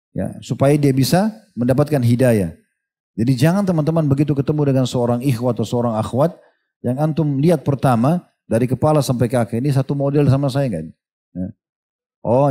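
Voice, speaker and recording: Give me a middle-aged male preacher with a dark, relaxed voice, talking through a lecture in a conversational style. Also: medium pitch, slightly rough. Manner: conversational preaching with stories and quoted dialogue. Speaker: Islamic preacher. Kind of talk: religious study lecture.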